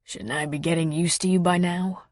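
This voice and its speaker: A woman voicing a grown man with a husky, gravelly voice and a low, intimate, unhurried way of talking. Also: fairly even intonation, darkish tone, dry recording, studio quality, close to an everyday voice.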